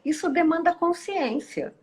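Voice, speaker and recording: A woman with a Brazilian Portuguese accent, a guest speaker giving a reflective live-stream talk with many pauses and tag questions. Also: very high voice. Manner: slow, thoughtful, with frequent pauses and tag questions. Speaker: guest speaker and course teacher.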